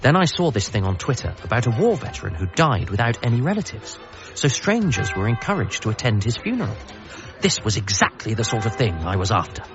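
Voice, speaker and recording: In this muffled recording with music behind him, a man's fairly low voice moves quickly in a sing-song way. Voicing a frantic, paranoid son in a radio comedy drama, he's convinced he has to save the Earth. His narration and dialogue come across urgent, earnest, conspiratorial and self-deprecating.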